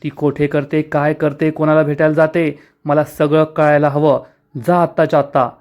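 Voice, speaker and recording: Vengeful scheming businesswoman, guy reading her, low and cold. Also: level tone, normal speed, darkish tone, natural voice. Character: scheming vengeful woman company owner.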